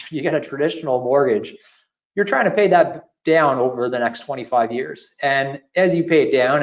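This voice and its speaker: A man co-hosting a finance podcast, laying out ideas at an even, explanatory pace. His voice sits in a roomy space and sounds a little dull and lo-fi. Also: medium pitch. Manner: steady explanatory, occasional repeated words. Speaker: podcast co-host. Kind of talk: casual finance podcast chat.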